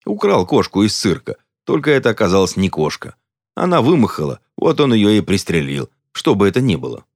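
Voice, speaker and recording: A man's voice: lowish voice, sing-song, a little fast, dry recording, studio quality, pitched above the performer's own voice. A man voicing a cranky, stubborn old church deacon who talks proudly and dismissively. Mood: offhand.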